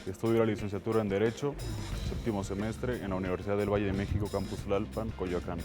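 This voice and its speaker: Low-voiced young man introducing himself. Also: level tone, fast, music in the background. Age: 20s. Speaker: law student debater. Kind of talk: self-introduction.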